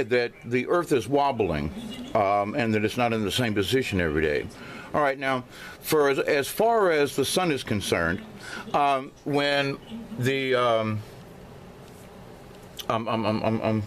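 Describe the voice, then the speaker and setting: With a mid-range voice, a man explains something casually to the camera at home, positioned by a window. This amateur video blogger sounds hesitant and halting, often repeating himself, and his speech is a touch slurred due to a swollen mouth. The recording, from a handheld camera microphone, carries a lot of noise.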